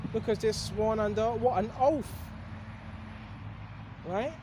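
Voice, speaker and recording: A man with a high-sitting voice talks slowly against background noise. As a religious video host, he offers his viewers a wandering, casual sermon full of rhetorical questions and frequent "right?"s, punctuated by occasional hiccups.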